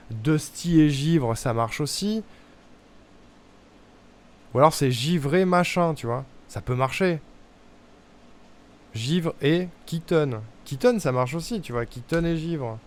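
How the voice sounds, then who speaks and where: A man's voice: on the high side, a little slow, pauses often. Young man puzzling aloud on stream. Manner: thinks aloud, testing guesses and muttering to himself. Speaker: streamer playing a puzzle game. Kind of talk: casual live-stream commentary.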